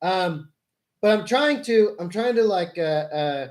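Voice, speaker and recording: Man, livestream host, higher-pitched voice, political debate, explanatory, rephrasing and correcting. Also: expressive, takes it slowly, a little mellow. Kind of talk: live political debate with a caller.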